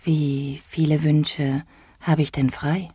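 A woman voicing a hesitant, curious young boy in a whispered role-play, with a hushed, breathy voice. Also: lowish voice, normal speed, no room sound, studio quality. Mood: wondering.

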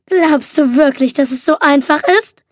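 A woman's voice: normal speed, dry recording, studio quality, lightly acted. A woman reader voicing a vengeful, cold young woman who mocks her captives in an audiobook. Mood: mocking. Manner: icy, mocking, shrill when enraged. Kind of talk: audiobook reading.

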